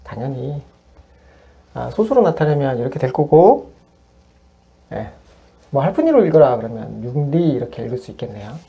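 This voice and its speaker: A woman's voice: rumbling low, lively intonation, moderate pace, vocal fry, pauses often, lo-fi sound, slight background noise. A woman math tutor patiently walking through worked exercises step by step. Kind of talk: worked-example lesson.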